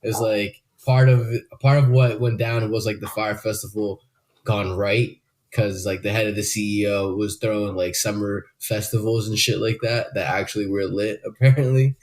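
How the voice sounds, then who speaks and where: A man's voice: on the low side, steady tone, moderate pace, a little mellow. A young man co-hosting a podcast in casual chat, rambling loosely with lots of fillers and swearing. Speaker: podcast co-host.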